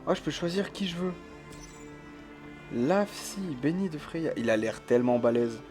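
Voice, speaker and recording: Over music, a man with a fairly high, expressive voice talks at normal speed while streaming a game. He keeps quiet because of his home room's thin walls, chatting casually, reading chat, and laughing often in this let's-play.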